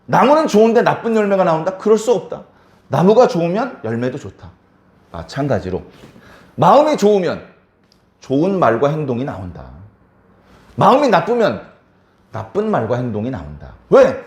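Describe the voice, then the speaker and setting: Lively preaching man, echoey church. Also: fairly high pitch, moderate pace, long pauses. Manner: emphatic, repeats key words, asks the congregation questions. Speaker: pastor. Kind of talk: sermon.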